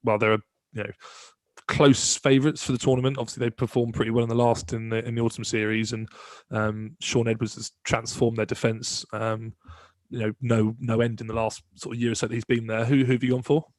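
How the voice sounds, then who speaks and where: A man's voice: mid-range voice, level tone, no room sound. A man co-hosting a podcast in casual chat, chatty and full of restarts. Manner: quick, chatty, many restarts. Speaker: podcast co-host.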